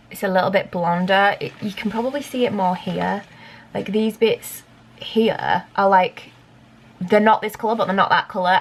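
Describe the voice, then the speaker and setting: A young woman vlogging casually at home about dyeing her own hair, rambling with lots of fillers and talking to herself. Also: mid-range voice. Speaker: beauty vlogger. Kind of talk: casual chatty vlog.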